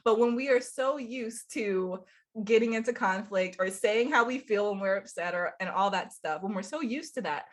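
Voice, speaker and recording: This young woman's voice is medium in pitch, a bit bright, and congested. Hosting her channel as a spiritual coach, she speaks casually to the camera, chatty and cheerful, with plenty of laughter.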